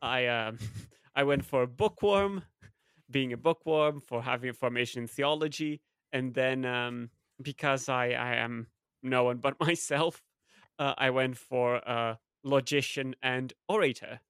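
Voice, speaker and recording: A man's voice: mid-range voice, unhurried, a bit bright, smooth, no echo, studio quality. A man on a podcast who talks hesitantly, stumbling over his words and laughing between them. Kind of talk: casual chat.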